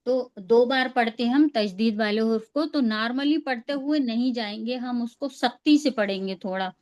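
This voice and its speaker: Patient woman teacher, smooth voice. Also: on the high side, a little mellow, highs cut off. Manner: patient, explains step by step and often checks understanding. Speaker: Quran recitation teacher. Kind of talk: online reading lesson. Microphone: video call.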